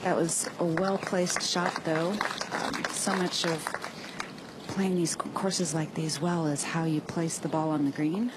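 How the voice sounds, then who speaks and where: Low-voiced female golf analyst, noisy ambience. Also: little pitch movement, measured pace. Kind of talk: analytical live commentary. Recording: clear outdoor ambient noise.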